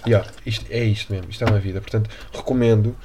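A man's voice: lowish voice, fairly even intonation, rapid-fire, noisy background. A young man from Portugal with a European Portuguese accent, hosting a casual solo podcast in a rambling, slangy, joking way. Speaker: podcast host.

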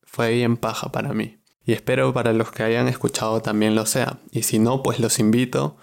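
A young man in his twenties hosts a podcast with a relaxed Peruvian Spanish accent. He talks in an easygoing, chatty way at a middle pitch and laughs easily between thoughts. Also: normal speed, creaky. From Peru. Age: 20s. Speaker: podcast host. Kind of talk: casual podcast chat.

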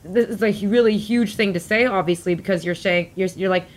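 A woman's voice: medium pitch, a little fast. Heated, swearing woman co-host. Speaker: podcast co-host. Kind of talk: casual chat.

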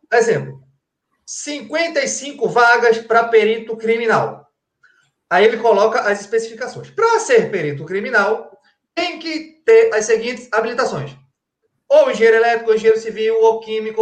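A high-pitched man from Pernambuco, Brazil, appears as a guest forensic crime-scene expert, explaining things in a conversational way. He is didactic and colloquial, uses rhetorical questions, and often checks in with "tá?". The recording has a roomy echo.

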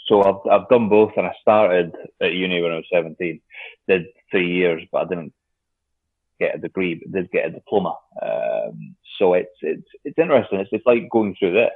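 Deep-voiced man on a tinny line. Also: breathy edge, no room sound. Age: 20s. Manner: hesitant, lots of filler and restarts. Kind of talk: casual conversation.

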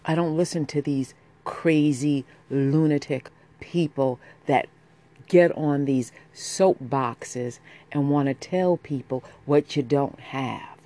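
A woman hosts a podcast as a solo, opinionated monologue. She talks slowly and deliberately, with impassioned emphasis and pointed repetition. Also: deep voice, mellow. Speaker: podcast host.

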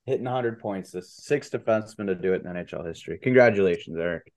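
A man's voice: low-pitched, fast talker, a little mellow. A man co-hosting a podcast in casual chat, trying to steer the talk back on topic. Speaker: podcast co-host.

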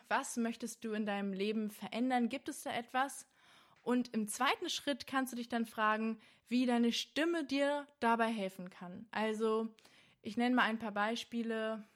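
A woman's voice: fairly high pitch, a bit bright. A young woman hosting a podcast on the voice, talking straight to the listener in an earnest, searching way. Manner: earnest, searching, with fillers like "also" and "ja". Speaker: podcast host and voice coach. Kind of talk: casual talk to the listener.

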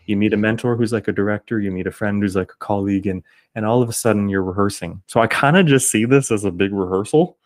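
A man's voice: fairly low pitch, fast talker, no room sound, clean studio sound. A man with a Canadian accent, an actor and singer, talking earnestly as an interview guest. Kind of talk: reflective conversational interview.

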